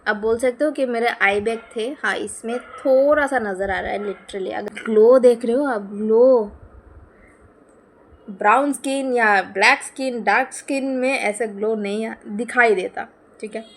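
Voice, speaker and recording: A young woman chats to her phone camera in a slightly high, unhurried voice. She rambles through a casual home vlog, giggling and stopping for fillers between thoughts. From West Bengal, India. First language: Bengali. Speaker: lifestyle vlogger.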